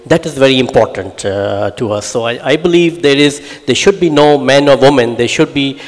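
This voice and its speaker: A man's voice: mid-range voice, normal speed. A man answering as a panelist on a conference stage, formal and hesitant with frequent fillers, into a handheld mic. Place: large conference hall stage. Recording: reverberant hall.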